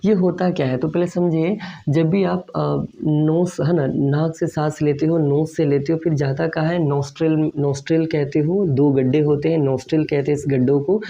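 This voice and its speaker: A teacher talks through an online class lesson, asking questions and then answering them. Key terms are stretched out slowly and "okay" comes up often. The voice is mellow and the recording sounds dull and lo-fi. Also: mid-range voice, steady tone, gravelly. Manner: explains at a board, asks and answers own questions; slow drawn-out stress on key terms, frequent "okay".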